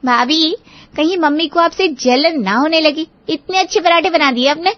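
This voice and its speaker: A woman's voice: high voice, normal speed, no room sound, highs cut off, close to an everyday voice. A woman voicing a teasing young sister-in-law. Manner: teasing, lively.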